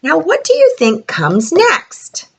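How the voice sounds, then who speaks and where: A woman leads a children's letter lesson with a broad, singsong delivery. Her pitch swoops up on questions and down on answers. She takes her time, drawing out important words for little listeners. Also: huge pitch swings, slow, creaky. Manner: addresses young children, stretching key words. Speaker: teacher of young children.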